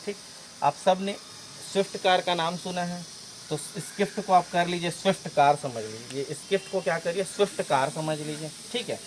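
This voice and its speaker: A man teaching an exam-prep lesson in a fairly high voice, walking through each point slowly and repeating himself. He keeps checking in with his students as he goes. A faint hiss sits under the recording. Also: rough recording. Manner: explains step by step, often repeating and checking with "okay".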